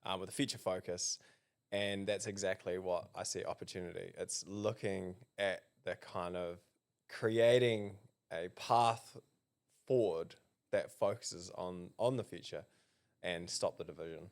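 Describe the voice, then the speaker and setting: Guest: New Zealand man, low smooth voice, hesitant interview answers. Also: steady tone, a little slow. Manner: hesitant, many ums and restarts. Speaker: political candidate, guest. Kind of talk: casual interview.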